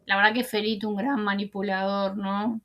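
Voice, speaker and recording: A woman's voice: mid-range voice, little pitch movement, normal speed, a bit bright. A woman, casually retelling TV drama scenes and quoting the characters' lines in her own voice. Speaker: series commentator.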